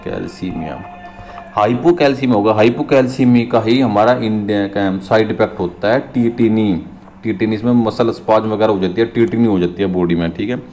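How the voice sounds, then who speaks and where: A man tutoring for nursing exams. He reads English questions slowly and explains them in Hindi, repeating terms and often checking in with his viewers as friends. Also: on the low side, fairly even intonation, darkish tone, faint music behind. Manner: addresses viewers as friends, frequent "theek hai" check-ins. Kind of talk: exam question walkthrough.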